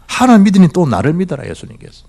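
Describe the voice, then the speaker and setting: Male pastor in his middle years, preaching in church, hugely animated pitch, quizzing the flock. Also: quick pace, gravelly. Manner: animated preaching with rhetorical questions and swings from loud to hushed. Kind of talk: sermon. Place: church sanctuary.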